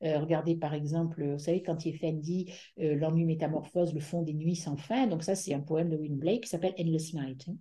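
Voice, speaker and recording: Woman, middle-aged, lecturer, husky, mellow, slightly low voice, hesitant with fillers, video call. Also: steady tone, a little fast, few pauses. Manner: hesitant, searching for words with many fillers. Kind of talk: academic lecture.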